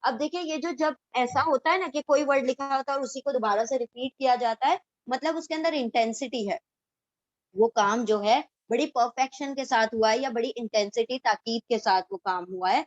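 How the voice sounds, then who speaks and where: A woman teaching a word-by-word Quran translation lesson, reciting verses slowly and then explaining them in everyday speech mixed with English words. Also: a little high, no echo, muffled recording.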